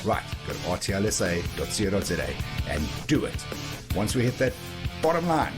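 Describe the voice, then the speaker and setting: A man with a fairly low voice hosts a radio show. He speaks directly to the audience in a presenter's style, with clear music behind him. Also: expressive, brisk.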